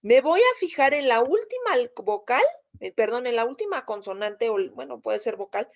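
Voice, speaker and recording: A woman's voice: fairly high pitch, animated, moderate pace, muffled recording. A woman with a Mexican accent teaching a video lesson, patiently explaining step by step and often checking with her listeners. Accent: Mexican Spanish. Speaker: English teacher.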